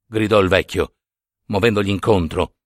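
A man narrating a classic short story as a dramatized reading, in an expressive, theatrical manner. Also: sits low, moderate pace, no echo, studio quality.

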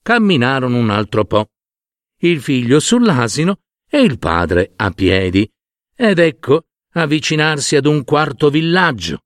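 Slow, expressive male storyteller. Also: mid-range voice, dry recording, clean studio sound. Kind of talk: scripted fairy-tale narration.

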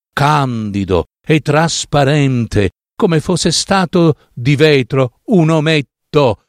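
A man reading a fairy tale aloud with a slow, sing-song, dramatic delivery on a close mic. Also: a little high, no room sound. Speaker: storyteller.

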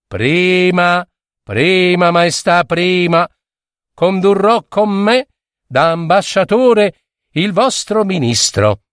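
A man's voice: sits high, lively intonation, slow, a bit bright, smooth, no echo, clean studio sound, heavily acted. A man voicing a sly male wizard who haggles insistently over payment.

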